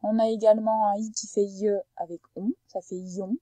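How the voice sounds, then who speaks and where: A woman teacher giving a phonics lesson to a young pupil, patiently spelling out sounds and stretching words slowly and carefully. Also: medium pitch, flat delivery, dark tone, no room sound, low-quality recording. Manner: slow, careful over-articulation of sounds for a child.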